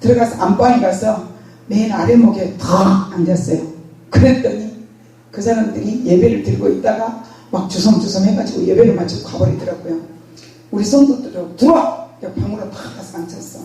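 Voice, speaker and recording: An older woman pastor preaching a sermon with animated storytelling, acting out scenes herself. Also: medium pitch, brisk. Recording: very echoey hall, distant mic.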